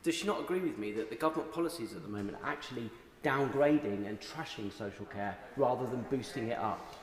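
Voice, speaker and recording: A man's voice: medium pitch, lively intonation, fast talker. A man, a member of parliament, making an insistent, critical intervention in a debate. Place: large parliamentary chamber. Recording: echoey noisy hall.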